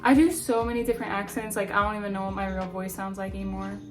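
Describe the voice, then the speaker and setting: A woman's voice: medium pitch, level tone, fast. Rambling young woman chatting in a kitchen. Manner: rambling, filler-heavy, self-deprecating. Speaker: vlogger. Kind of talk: casual chat while baking. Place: home kitchen. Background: faint lofi music.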